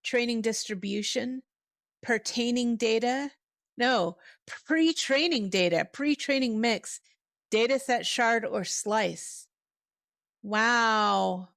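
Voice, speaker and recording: A woman's voice: a little high, takes it slowly, gravelly, fairly bright tone, no echo. A woman hosting a livestream in a chatty way, laughing often, heard through a headset mic. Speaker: livestream host. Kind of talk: casual livestream chat.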